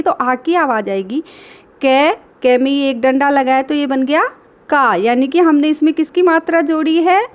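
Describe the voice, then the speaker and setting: A woman with a high voice teaches a children's reading lesson. She sounds out each syllable slowly and patiently and keeps talking straight to the kids. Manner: addresses children directly.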